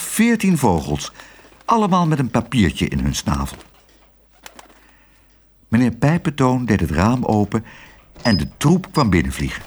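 Husky male storyteller, very animated reading for children. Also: medium pitch. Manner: lively, expressive reading.

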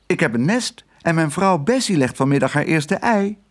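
A man's voice: a little high, animated, normal speed, pitched above the performer's own voice, lightly acted. A man voicing a cheerful, carefree male thrush in a storybook, chirping his words in a sing-song. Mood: chirpy.

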